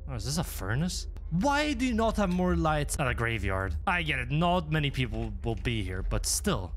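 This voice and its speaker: Lively, joking man playing a horror game. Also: on the high side, normal speed, a little hiss or hum. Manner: jokey, animated reactions with nervous laughter. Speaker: gaming YouTuber. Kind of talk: horror game playthrough commentary.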